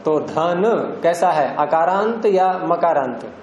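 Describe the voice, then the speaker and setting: With lively intonation and a fairly high, slightly mellow voice, an older teacher questions his students while working slowly through Indian philosophy and grammar. The audio is dull, recorded in an echoey room with faint noise in the background.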